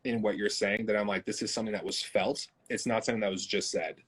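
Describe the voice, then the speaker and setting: A man hosts a conversational interview, talking loosely and animatedly with plenty of fillers. His voice is low and a little husky, and it jumps up when he gets worked up. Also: steady tone, fast talker, fairly bright tone. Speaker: host.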